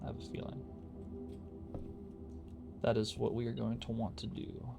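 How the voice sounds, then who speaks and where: A man's voice: mid-range voice, little pitch movement, moderate pace, gravelly, music in the background. A man giving casual gameplay commentary, thinking aloud and muttering to himself as he plays. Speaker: gaming YouTuber.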